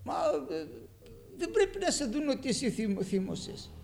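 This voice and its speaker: Gravelly-voiced male preacher, impassioned sermon delivery, high and lively. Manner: impassioned, swings between loud emphasis and quiet asides.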